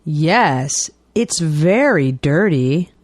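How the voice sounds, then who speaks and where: Woman, lower voice, very slow and carefully enunciated, bouncy intonation, dry close recording; scripted learner dialogues. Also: expressive, dry recording. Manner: clear, deliberate enunciation. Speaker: dialogue reader for English learners.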